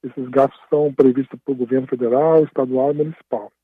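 A man speaking by phone as a radio interview guest, explaining at a steady pace and often tagging his phrases with a questioning "right?". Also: mid-range voice, fast talker, breathy edge, no echo. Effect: heard over a phone line. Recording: tinny dry phone line.

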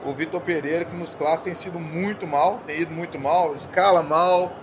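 A Brazilian man giving unscripted match analysis as a pundit, critical and halting, repeating his words. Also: fairly high pitch, steady tone. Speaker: football pundit. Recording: clearly noisy, outdoor ambience.

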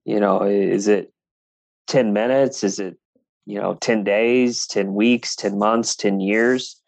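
A man's voice: on the low side, fairly even intonation, slow, gravelly, darkish tone, no room sound. A man on a podcast panel who thinks aloud, reaching for words as he goes. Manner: thoughtful, searches for words with "like" and "in terms of". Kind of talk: casual roundtable discussion.

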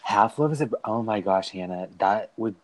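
A man's voice: fairly low pitch, expressive, moderate pace, a little hiss or hum. A young man co-hosting a casual podcast from inside a closet, slangy and jokey, laughing often. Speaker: podcast co-host.

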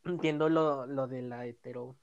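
A woman's voice: a bass voice, fairly even intonation, normal speed, a little mellow, lo-fi sound. A woman with a Mexican accent chatting casually, hesitant, with many fillers. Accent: Mexican Spanish. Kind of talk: casual chat.

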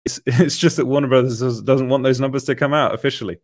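A man's voice: mid-range voice, fairly even intonation, fast talker, no echo, clean studio sound. Man laughing through a live chat. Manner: laughs often, reads comments aloud with fillers. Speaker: livestream host reading chat.

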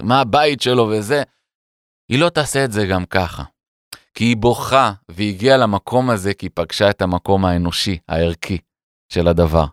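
A man telling an animated personal story in a casual conversation, acting out the voices of people in it. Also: fairly low pitch, no echo, clean studio sound. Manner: animated, acts out voices in his anecdotes. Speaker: educator and podcast guest.

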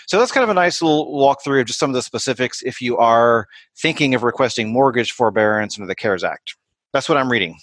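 A man co-hosting a podcast, explaining practical steps in a relaxed, conversational way with frequent fillers. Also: medium pitch, quick pace, no echo. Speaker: podcast co-host. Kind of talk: casual explanatory chat.

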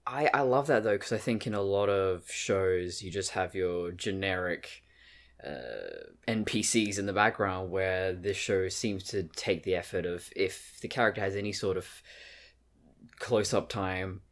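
A man's voice: deep voice, lively intonation, measured pace. A man who works as a costume designer chatting casually on a podcast, with joking, playful asides. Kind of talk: casual chat.

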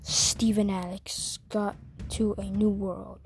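A woman narrates a homemade short story at an unhurried, plodding pace, stopping often to say um. Music plays clearly underneath her voice. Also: mid-range voice, little pitch movement. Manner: hesitant, many ums. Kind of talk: casual storytelling.

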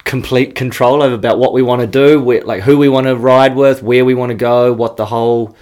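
A man's voice: medium pitch, steady tone, fairly quick, a little mellow. A man from New Zealand with a New Zealand accent, chatting casually as a snowboarder guest in an interview, laid-back and slangy, swearing now and then.

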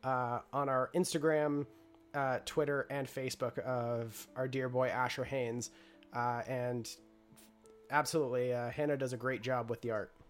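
A male host closes out a tabletop role-play podcast with upbeat, promotional patter. He leans on "uh" fillers as he runs through his shout-outs. Faint music plays underneath. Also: medium pitch, flat delivery, moderate pace. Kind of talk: podcast sign-off.

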